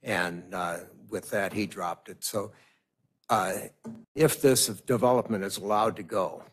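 An older man giving a measured public comment at a hearing on a webcam from a home office, hesitating often. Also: on the low side. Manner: measured, hesitant with many fillers. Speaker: resident speaking at public hearing. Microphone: video call webcam.

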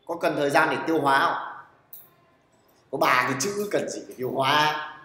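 A man lectures a class on programming, his voice sitting a little high. He is blunt and teasing, constantly checking whether the students follow and putting them on the spot. The room is echoey, and a long reverb trails behind each phrase. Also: a little fast, sharp tone. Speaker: programming teacher.

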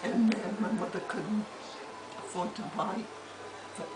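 A woman's voice: medium pitch, a little slow. A woman in her eighties telling family stories in a rambling, hesitant way from a wheelchair in a hospital room. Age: 80s. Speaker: great-aunt. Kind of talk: casual family storytelling. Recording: distant, loud hiss, home video.

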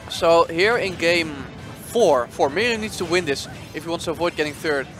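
A man commentates a fighting-game tournament live, walking through stage picks and tactics in a relaxed, chatty way. His voice sits high, and faint music plays in the background. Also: moderate pace. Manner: casual, analytical play-by-play with laughs. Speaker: esports commentator.

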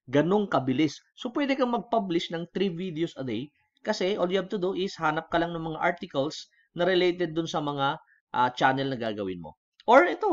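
A man's voice: on the high side, fairly bright tone, highs cut off. Filipino man in a casual tutorial. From Philippines. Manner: casual, mixes Tagalog and English, keeps checking in with the viewer. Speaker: online tutorial host. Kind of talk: screen-recorded software tutorial.

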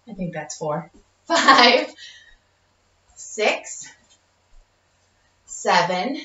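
A woman's voice: mid-range voice, sharp tone. A woman leading a home workout, counting reps aloud and giving encouraging cues, a little out of breath. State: short of breath. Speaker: fitness instructor. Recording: dull, roomy audio from a distant camera.

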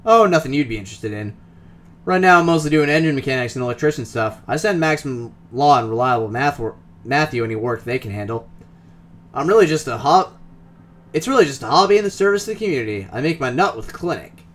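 A man's voice: mid-range voice, animated, fast talker, fairly bright tone, natural voice. A man voicing a cheerful, boastful cyber-doctor in his forties with a loose Midwestern accent, read from a game's text. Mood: jovial. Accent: loose Midwestern US (put on). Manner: jovial, boastful, rambling.

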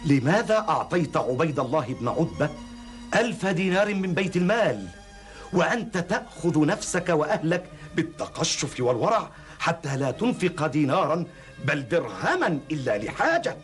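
A man's voice: mid-range voice, expressive, a little fast, a little mellow, faint music behind, natural voice. A middle-aged man playing an earnest, outspoken counsellor in a classical Arabic historical drama, speaking formally and with rhetorical emphasis. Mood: indignant. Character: earnest, outspoken male counsellor questioning his caliph.

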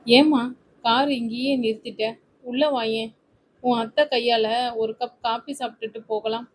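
A firm, kindly older man gives advice to his future daughter-in-law, read by a woman. The voice sits fairly high and even. It is a Tamil serial story read aloud. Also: moderate pace, natural voice, rough recording. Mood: coaxing. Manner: firm, advising.

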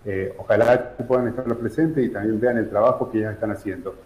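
Deep-voiced Argentine man on a video call. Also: steady tone. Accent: Argentine, San Juan. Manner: measured, explanatory, frequent fillers. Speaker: charity director guest. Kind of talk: remote news interview. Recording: echoey room, dull video-call audio.

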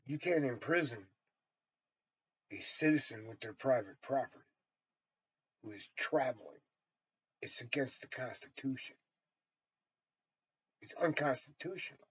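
With a husky, mid-range voice, an American vlogger and storyteller in his sixties rants to a camera in a small room, blunt, emphatic and full of profanity as he rambles. The lo-fi webcam sound is dull, without echo.

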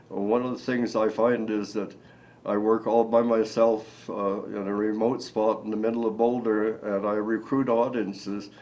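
An older man from Nebraska, an artist talking slowly and haltingly with many fillers in a seated indoor interview. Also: on the low side, darkish tone, low-quality recording. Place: indoor room.

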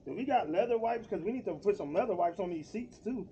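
A man's voice: high voice, fast. A middle-aged man, a father, chatting casually outdoors while washing a motorcycle, teasing and lecturing his son in slang. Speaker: vlogger and father. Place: outdoor driveway beside a house. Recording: dull outdoor sound with steady background noise.

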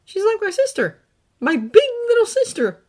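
A gentle teenage boy confides about the ghosts he has known, as a woman puts him on. His voice sits high and moves animatedly, soft and halting with feeling. It is told as a storybook reading. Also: sing-song. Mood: tender. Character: earnest teenage boy who sees ghosts. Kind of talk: fan fiction audiobook reading.

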